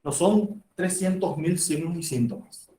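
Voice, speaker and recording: A man's voice: a little high, expressive, unhurried, dark tone. A man giving a medical lecture to a class in a conversational way, acting out short exchanges between doctor and patient. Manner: conversational, acts out patient dialogues. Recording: echoey room, far from the mic.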